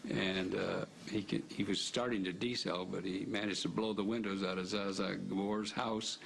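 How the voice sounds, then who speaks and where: A man's voice: deep voice, steady tone, moderate pace, vocal fry, fairly bright tone, slight background noise. An older man, an interviewee telling an anecdote casually and vividly. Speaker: documentary interviewee. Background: music.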